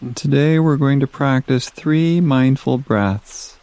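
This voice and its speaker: A man leads a meditation very slowly and without hurry, his medium-pitched voice mellow and relaxed. He gives gentle, soothing instructions broken up by long pauses, and the recording is dry with no room echo.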